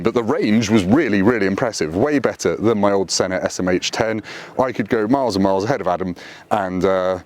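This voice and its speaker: Speaking casually to a tripod-mounted camera from a roadside lay-by, a motorcycle vlogger chats in a dry, self-deprecating way. He has a deep voice.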